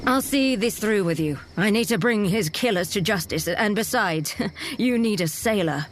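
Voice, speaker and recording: A woman's voice: medium pitch, lively intonation, normal speed, slight background noise, natural voice. A woman voicing a resolute, duty-bound ship captain in a storytelling game, with a terse, commanding manner. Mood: determined.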